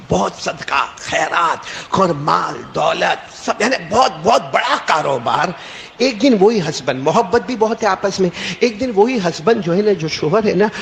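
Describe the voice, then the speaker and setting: Calling out "bolo" so the congregation answers back, a preacher whose voice is high, creaky, and fairly bright delivers a repetitive, emphatic sermon story. It was recorded in an echoey hall with some faint noise.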